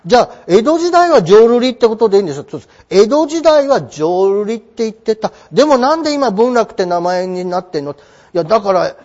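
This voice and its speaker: Man, teacher, textbook lecture, very high voice, acts out questions and answers, muffled lo-fi recording. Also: darkish tone. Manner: acts out quick imagined exchanges with questions and answers. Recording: dull, lo-fi sound.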